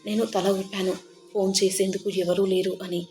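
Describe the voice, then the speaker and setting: A woman's voice: mid-range voice, flat delivery, normal speed, a little mellow, soft background music. Woman narrating a tender first-person story.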